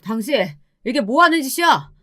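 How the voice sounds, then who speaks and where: A woman's voice: a little high, big pitch swings, moderate pace, voice pushed up. Woman reading an angry, accusing husband. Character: angry husband shocked by his wife. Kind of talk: storybook radio drama reading.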